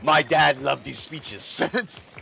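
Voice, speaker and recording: A man streaming a video game, chatting casually in a playful, theatrical, mock-gentlemanly way. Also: a little high, takes it slowly, vocal fry, music in the background. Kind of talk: casual gaming commentary.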